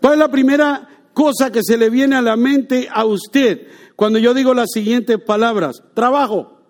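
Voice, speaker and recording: A man preaching a lively sermon, joking with and quizzing his congregation. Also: very high voice, normal speed. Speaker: pastor.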